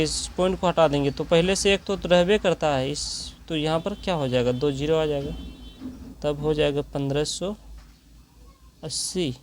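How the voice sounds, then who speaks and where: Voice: mid-range voice, darkish tone. A math teacher, working through problems step by step and asking rhetorical questions along the way.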